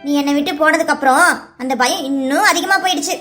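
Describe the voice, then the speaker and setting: A woman's voice: high-pitched, quick pace, fairly bright tone. A woman voicing a timid young village girl in a cartoon serial, who asks pleading questions in a sing-song voice. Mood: hurt. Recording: music bed under voice.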